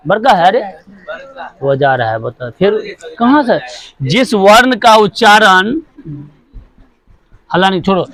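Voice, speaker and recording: The speaker is a man whose voice sits high and a bit bright, recorded without echo. He teaches a grammar lesson repetitively, asking questions and then supplying the answers, and works through sounds one at a time.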